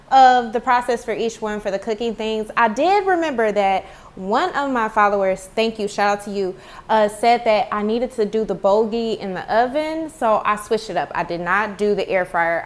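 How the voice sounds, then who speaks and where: A woman chatting casually to viewers in a food review vlog, recorded at home on earbud headphones. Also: medium pitch. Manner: chatty, talks to viewers as y'all. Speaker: food vlogger. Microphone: earbud headphone mic.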